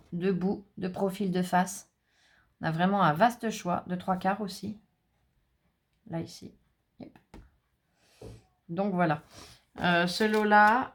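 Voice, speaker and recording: A French woman chatting casually to viewers as she unboxes craft supplies, enthusiastic and talkative. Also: medium pitch. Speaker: craft vlogger.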